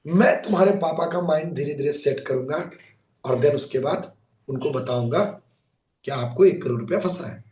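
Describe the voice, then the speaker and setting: A man's voice: on the high side, normal speed, a little mellow, natural voice. A man acting out a cautious hospital doctor who speaks in a soothing, advising manner. The voice comes from afar in an echoey room. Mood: calm advising. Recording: echoey room, mic far off.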